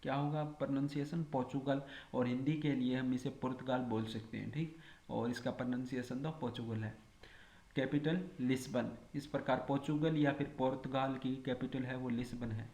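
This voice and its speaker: A man's voice: mid-range voice, fairly even intonation, moderate pace, mellow. Man drilling a repetitive lesson, echoey room. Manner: repeats each item as question and answer. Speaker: teacher.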